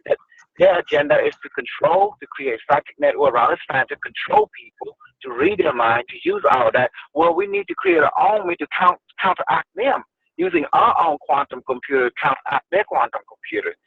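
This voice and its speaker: Man, raspy gravelly voice, lively swooping pitch, tinny dry phone line. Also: fairly quick, dry recording. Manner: insistent, with sudden high upward jumps on key words. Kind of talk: casual explanatory talk.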